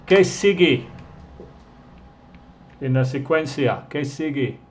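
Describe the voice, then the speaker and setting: Male teacher for a live online class, unhurried, with a slightly raised voice, who stretches out his vowels to model pronunciation. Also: fairly high pitch, lively intonation, slight background noise. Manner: drawn-out, exaggerated pronunciation of number words; reads out and answers questions from the live chat. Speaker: English teacher. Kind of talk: live-streamed online lesson.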